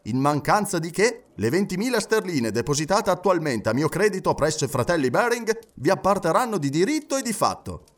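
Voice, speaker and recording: A man voicing an impassive, precise English gentleman who speaks calmly and in measured tones. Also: high voice, far from the mic, voice pushed up. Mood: composed. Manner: calm, measured, unhurried.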